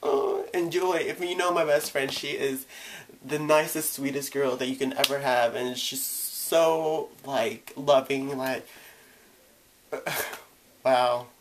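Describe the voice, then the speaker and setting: A man's voice: mid-range voice, fairly even intonation, slow, slight background noise. A young man vlogging, telling a personal story in a casual, chatty way with lots of "like" and "you know".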